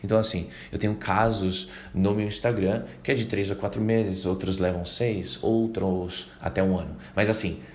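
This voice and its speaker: Speaking with a fairly low pitch and a Brazilian Portuguese accent, a male English teacher delivers a lively, casual video lesson about learning English, acting out how learners react and slowly reading English lines aloud.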